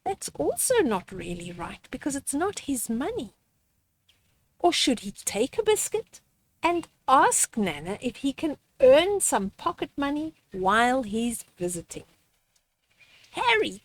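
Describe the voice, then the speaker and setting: An older woman who reads children's books aloud tells a picture-book story in a high, swooping, sing-song voice, adding moral commentary. She goes very slowly and pauses to speak directly to young children in a gently instructive manner, like a picture-book lesson.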